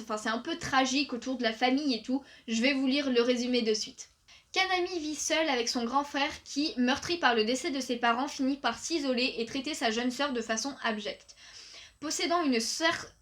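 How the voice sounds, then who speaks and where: A young woman with a high, fairly bright voice chats casually on her video channel, reading book summaries aloud with plenty of fillers. She's a manga YouTuber reviewing new releases.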